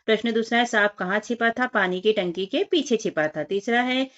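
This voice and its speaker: Woman teacher reading words slowly. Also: on the high side, fairly bright tone, muffled recording. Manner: reads words slowly one by one, addresses children directly. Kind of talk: workbook lesson for children.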